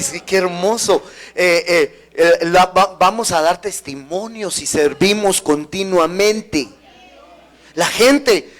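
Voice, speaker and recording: A man's voice: high-pitched, a bit bright. A male pastor delivering a sermon, repeating key words for emphasis and dropping in humorous asides.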